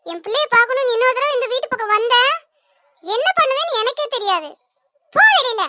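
Performer voicing a cartoon mother, very high-pitched, bright and piercing, harsh and scornful, dry sound. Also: expressive, a little fast, heavily acted. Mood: angry. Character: angry scolding mother of a young man. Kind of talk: cartoon voice acting.

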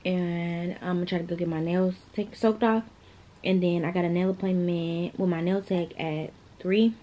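A woman's voice: on the low side, steady tone, normal speed, lo-fi sound, slight background noise. A young woman chatting casually to her viewers in a vlog, partly from her car, talking into a phone held at arm's length. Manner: chatty, playful, talks straight to viewers. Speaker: vlogger.

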